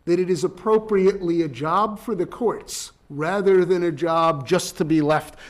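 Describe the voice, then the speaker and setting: A man giving an academic law lecture in a measured, deliberate way, with frequent ums and uhs. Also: high-pitched. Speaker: law professor. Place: lecture hall.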